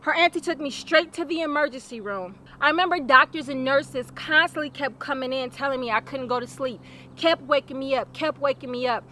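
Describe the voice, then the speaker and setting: High, bright-voiced young woman telling her story. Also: brisk, slight background noise. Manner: earnest, plainspoken, repeats phrases for weight. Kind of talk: personal testimony narration.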